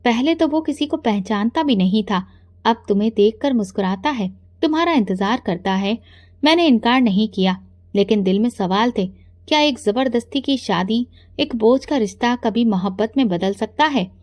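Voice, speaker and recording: A woman tells a first-person story with calm, earnest narration. Her voice sits a little high. The sound is dry and close, with no room echo. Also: moderate pace.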